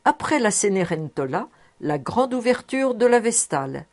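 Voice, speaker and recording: A woman narrating a classic novel aloud in a measured, expressive way. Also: medium pitch. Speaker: audiobook reader.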